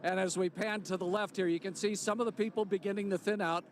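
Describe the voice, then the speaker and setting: A man's voice: high voice, steady tone, fast. A man reporting live outdoors from a downtown street, speaking fluently and describing the scene. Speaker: field reporter.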